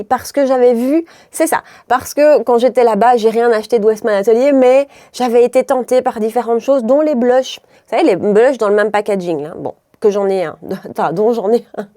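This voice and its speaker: Chatty Belgian woman with a mellow voice. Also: a little high, moderate pace, no echo, clean studio sound. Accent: Belgian French, mild Brussels. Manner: rambling, self-interrupting, laughs often. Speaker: beauty vlogger. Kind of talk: chatty makeup tutorial.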